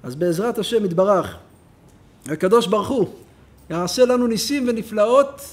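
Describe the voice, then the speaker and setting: A man who is a rabbi, giving a Torah lesson in a synagogue as an animated storyteller who acts out the characters in his stories. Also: high voice. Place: synagogue hall.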